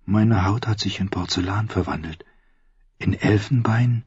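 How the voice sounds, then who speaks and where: A man voicing a frightened, anxious young noble girl who speaks quickly and pleadingly. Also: fairly low pitch, a little mellow, breathy edge, no echo, highs cut off. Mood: anxious inner voice.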